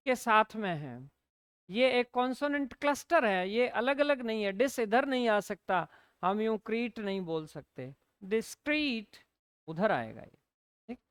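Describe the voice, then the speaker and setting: Lady teacher, hindi mixed in, slow and spelling stuff out, smooth voice, dry close sound. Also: fairly high pitch, animated, no room sound. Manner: explains in Hindi mixed with English, slowly spells out words, asks "है ना?" often. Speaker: English teacher. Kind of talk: classroom lecture.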